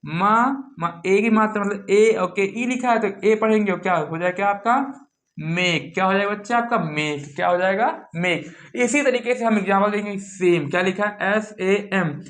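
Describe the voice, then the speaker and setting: A teacher giving a classroom lesson on pronunciation rules. The teacher asks questions, answers them, and repeats words slowly to show how they sound. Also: medium pitch, fairly bright tone. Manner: drills by asking questions and answering them itself. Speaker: English teacher. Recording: echoey room.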